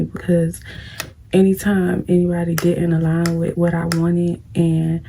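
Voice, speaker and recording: With a fairly low, scratchy voice marked by vocal fry and a dark tone, a young woman vlogger chats while putting on makeup. The get-ready-with-me advice is casual but blunt and preachy, spoken straight to the audience.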